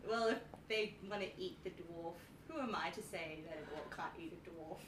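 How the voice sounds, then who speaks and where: A woman's voice: lowish voice, moderate pace, crowd noise. A woman playing a tabletop game, giggly and chatty. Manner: giggly, lively banter. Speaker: player. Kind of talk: casual tabletop game chat. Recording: roomy recording from far off, noisy.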